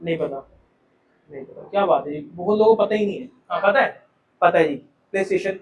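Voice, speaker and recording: Chatty teacher in an echoey classroom. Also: male voice, sits high, normal speed, recorded from a distance, slight background noise. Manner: chatty, asks students questions, calls them beta and ji. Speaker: commerce teacher. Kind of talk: live classroom lecture.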